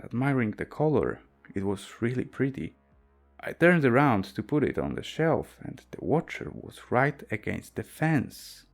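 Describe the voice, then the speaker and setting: A man's voice: medium pitch, a little mellow. A man reading a horror story aloud as a narrator, with a dry, wry storytelling delivery.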